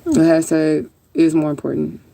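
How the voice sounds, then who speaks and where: This woman speaks at normal speed in a low, gravelly, warm voice with a flat delivery. She's answering viewers during a casual livestream chat, rambling and relaxed, with the occasional curse.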